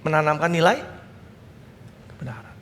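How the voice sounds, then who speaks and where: A man's voice: a little high, normal speed. A man preaching a sermon as pastor, telling family stories and acting out the voices of his children and parents. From Indonesia. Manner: animated storytelling, acting out family dialogue. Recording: reverberant church hall with faint noise.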